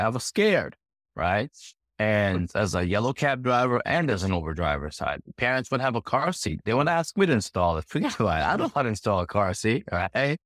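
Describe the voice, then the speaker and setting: A man from Guyana answering interview questions as a guest entrepreneur, relaxed and easygoing. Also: low-pitched, no echo, studio quality. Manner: relaxed, repeats "right?" and laughs easily.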